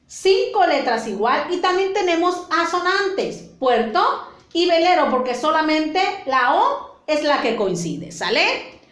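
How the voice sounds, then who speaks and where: Mexican woman teacher for kids, high animated voice, slow and patient, echoey room. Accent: Mexican Spanish. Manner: patient, explains step by step, repeats points with diminutives. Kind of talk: classroom lesson for children.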